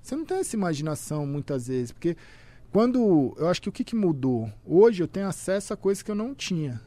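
A man's voice: high-pitched, very animated, quick pace, warm tone. A young man, chatting casually as a podcast guest in loose full of fillers. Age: young adult. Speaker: content creator, podcast guest. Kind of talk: casual chat.

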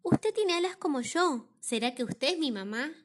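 A woman's voice: high-pitched, lively intonation, moderate pace, voice pushed up. An Argentine woman voicing a tiny, lonely young male bird in a storybook reading, in a pleading, childlike way. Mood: hopeful. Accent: Argentine Spanish. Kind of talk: storybook read-aloud.

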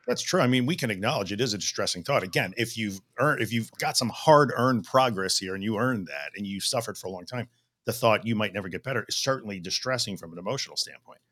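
Man, low voice, quick talker, encouraging, repeats phrases, podcast co-host. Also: animated, a bit bright. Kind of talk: casual podcast chat.

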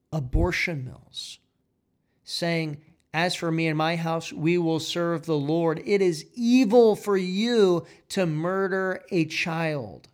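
A man preaching a fiery sermon, exhorting forcefully with repeated phrases and rising emphatic peaks. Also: on the high side.

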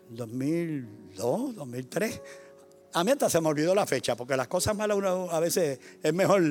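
An older man, a retired pastor preaching a sermon, repeating his phrases and swinging between quiet storytelling and loud exhortation. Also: sits high. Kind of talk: sermon with personal stories.

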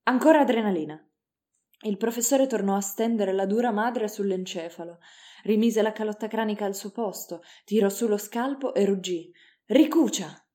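Woman narrator, warm mellow tone, measured dramatic audiobook reading. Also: medium pitch, fairly even intonation.

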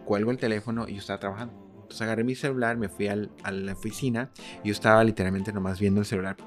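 A man's voice: lowish voice, very fast, soft background music. A man, a life coach, telling his own story in a casual conversation and acting out the dialogue. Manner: animated, acts out dialogue in quotes.

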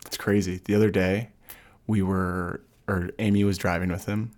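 A man's voice: low voice, flat delivery, moderate pace, darkish tone. A young man hosting a casual podcast chat, joking and teasing his guest and laughing often. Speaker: podcast host.

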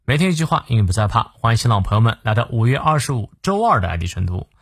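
A man's voice: medium pitch, sing-song, rapid-fire, breathy edge, dry recording, studio quality. A man hosting a daily English lesson podcast, explaining a quote phrase by phrase and switching between English and Chinese. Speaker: English teacher, podcast host.

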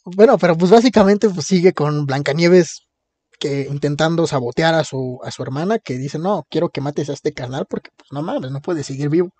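With a Mexican accent, this male podcast host chats casually about a comic, laughing and using lots of slang as he retells the story. His voice is on the high side, darkish and husky, at a moderate pace. The recording is dry.

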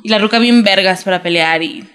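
A young adult woman with a Mexican Spanish accent, recapping a TV drama in casual, slangy, animated chat as a podcast co-host. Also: medium pitch, a little fast, slight background noise. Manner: slangy, animated storytelling with quoted voices.

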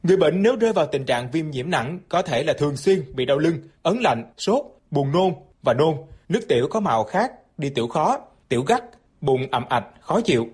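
A man's voice: a little high, very animated, normal speed, a little mellow, slightly rough. A man reading scripted health information as a radio segment announcer.

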